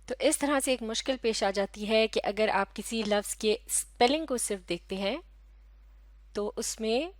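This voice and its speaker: Woman, measured phonetics teacher, clean close sound, no room. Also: medium pitch, no room sound. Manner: measured, methodical, self-correcting. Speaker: English pronunciation teacher. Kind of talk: explanatory lesson on phonetics.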